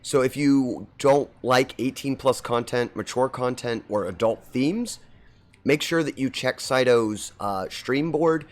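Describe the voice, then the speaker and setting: A man's voice: mid-range voice, a little slow. Guy chatting on stream while gaming, voice kinda scratchy from allergies, rambles and greets chat. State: slightly scratchy from seasonal allergies.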